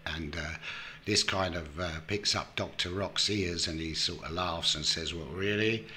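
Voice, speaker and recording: Guy telling a movie story, real low voice, kinda rambly with lots of uhs. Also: measured pace, background noise. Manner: relaxed, rambling with fillers. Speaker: film reviewer. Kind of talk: casual film recap storytelling.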